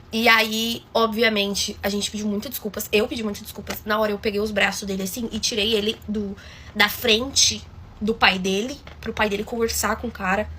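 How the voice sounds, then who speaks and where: A woman's voice: medium pitch, bright, forceful tone, slight background noise. A woman telling a story in a chatty, dramatic way, often calling out to her listeners. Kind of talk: casual storytime.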